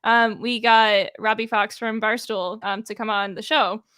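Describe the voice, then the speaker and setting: A woman co-hosting a podcast, chatting quickly and laughing often. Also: a little high, steady tone, pushed and bright, clean tone, dry recording. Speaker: podcast co-host. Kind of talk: casual podcast chat.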